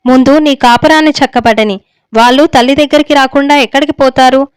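A woman's voice: sits high, fairly even intonation, brisk, no echo, close to an everyday voice. A woman reading the lines of a stern older village elder husband who lectures on righteousness. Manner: stern, moralizing, unbending. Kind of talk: story reading.

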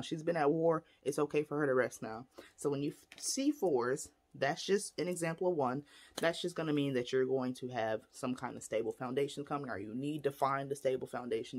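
Talking fairly quickly in a bass voice, a spiritual teacher films a casual vlog about divination tools. She's chatty and wanders a little, showing the objects as she goes.

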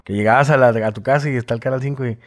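A man's voice: mid-range voice, fairly even intonation, racing. Mexican man, crude joking slang. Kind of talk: casual chat.

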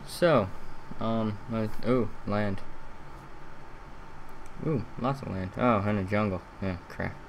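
A young man with a lisp doing casual, rambling gameplay commentary, halting and often repeating himself. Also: on the low side, vocal fry, slight background noise, poor audio. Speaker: gaming video host.

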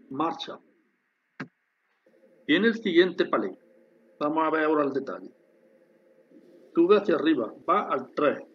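Man narrating a screen tutorial, slightly high voice. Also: breathy edge. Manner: explanatory, addresses viewers with frequent "¿vale?". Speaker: instructor demonstrating a factory simulation. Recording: dull lo-fi sound with faint hiss.

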